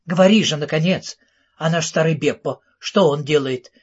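A man voicing an excitable, famous male storyteller who gushes and rattles off questions, in an audiobook. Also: fairly high pitch, breathy edge, lo-fi sound. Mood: excited, gushing. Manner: breathless, gushing, rapid-fire questions.

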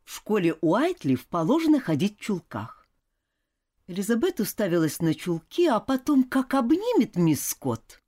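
A woman narrates a children's audiobook in an expressive storytelling manner, her medium-pitched voice moving at a moderate pace.

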